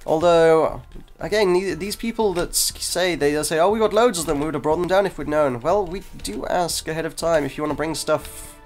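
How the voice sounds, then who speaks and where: Soft music plays while a man with cold congestion narrates his gameplay briskly in a slightly high voice. The talk is casual and self-mocking, with sentences that break off partway, picked up by a desk microphone.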